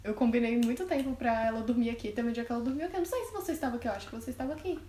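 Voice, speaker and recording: High-voiced young woman, echoey room. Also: rapid-fire, over a noisy crowd. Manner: animated storyteller, acts out the people in her story. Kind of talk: casual storytelling among friends. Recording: echoey room with faint ambience.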